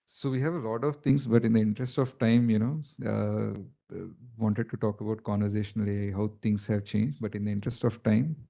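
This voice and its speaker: A man's voice: fairly low pitch, fairly even intonation, a little fast, gravelly, dark tone. A man with a South Indian accent speaking as a panelist at a conference, explaining in a conversational way with many "you know" fillers.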